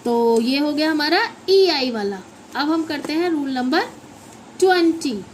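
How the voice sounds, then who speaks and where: A woman's voice: high voice, lively intonation, measured pace, a little hiss or hum, poor audio. A woman with an Indian accent, a native Hindi speaker, teaches English phonics to children, spelling words out letter by letter and asking the class to repeat them.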